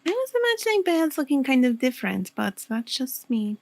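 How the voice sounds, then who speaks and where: A woman's voice: high voice, big pitch swings, a little fast, dry recording. A woman playing in a tabletop game, speaking coolly and laconically. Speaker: player.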